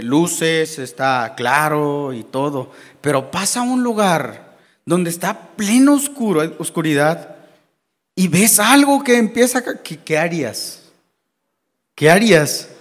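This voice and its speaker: A Mexican man leads a Bible class in a church hall, his voice sitting high for a man. He reads verses slowly and then turns to the congregation with questions. The sound carries a long hall reverb. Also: a bit bright. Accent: Mexican Spanish.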